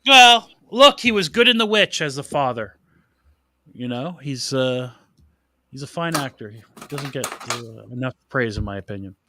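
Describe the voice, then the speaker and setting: A man's voice: mid-range voice, normal speed, slight background noise. A man co-hosting a podcast, chatting casually and jokily about movies. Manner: animated, joking, puts on silly accents. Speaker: podcast co-host. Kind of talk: casual chat about films.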